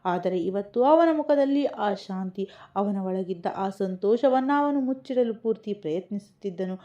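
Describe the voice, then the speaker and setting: Sex: woman. Role: storyteller. Style: scripted story narration, gentle and even. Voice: mellow. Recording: dull, lo-fi. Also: medium pitch, normal speed.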